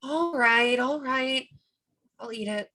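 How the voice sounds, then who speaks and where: A woman's voice: sits high, slow, bright, forceful tone, heavily acted. A woman playing a scientist's anxious, evasive female creation in a script read-through, pleading and defensive.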